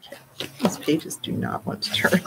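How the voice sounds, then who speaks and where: A woman's voice: a little slow, noisy background. A middle-aged woman, a children's librarian, reading a picture book aloud in a live story time and adding explanatory asides.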